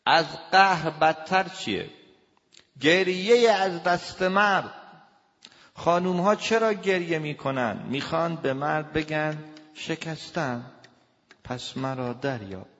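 A man giving a lecture as a family counselor. He talks emphatically, swinging between loud raised lines and low, quiet asides. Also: in a large hall, lo-fi sound. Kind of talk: lecture to an audience.

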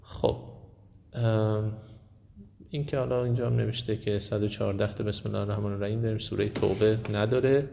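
A man teaching a Quran recitation class. He explains slowly, hesitates often and repeats sounds aloud to demonstrate them. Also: fairly low pitch, steady tone, vocal fry, dark tone, in a large hall, slight background noise. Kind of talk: classroom lesson.

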